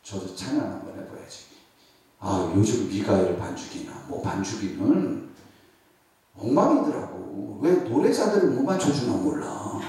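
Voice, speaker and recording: Echoey, far-off Korean pastor preaching. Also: male voice, fairly low pitch, big pitch swings, a little slow. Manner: swings between loud exclaiming and hushed near-whispers; acts out quoted voices in his story. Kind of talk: revival sermon.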